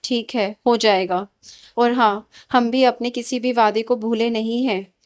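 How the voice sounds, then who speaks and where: A woman reading the lines of a calm, affectionate young man in a storybook tale, gentle and sincere, a little lower than her narration. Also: measured pace, natural voice.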